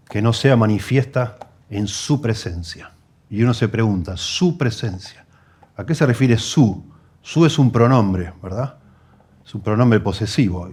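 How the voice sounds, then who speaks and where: An Argentine man with a Rioplatense Spanish accent and a mid-range voice preaches an expository sermon, teaching his congregation through rhetorical questions and emphatic repetition. He often drops into quiet asides.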